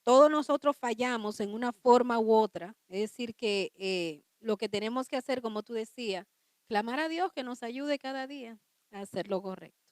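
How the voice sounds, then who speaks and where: A woman's voice: fairly high pitch, normal speed, no echo. Woman quoting scripture on radio. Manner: affirming, quotes verses. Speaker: radio show co-host.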